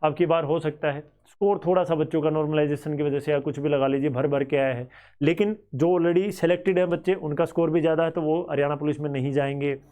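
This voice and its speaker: A man's voice: a little high, steady tone, quick pace, dark tone. A man with a Haryanvi-flavoured Hindi accent teaching students about exam cut-offs in a conversational, thinking-aloud way.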